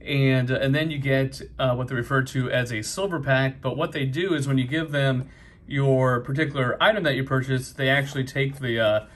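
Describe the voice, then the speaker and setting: A man's voice: mid-range voice, fairly even intonation, normal speed. A middle-aged man with a New England accent, casually chatting while opening trading card packs, full of fillers and upbeat remarks. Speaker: card collecting vlogger. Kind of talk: casual pack-opening commentary. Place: busy convention hall.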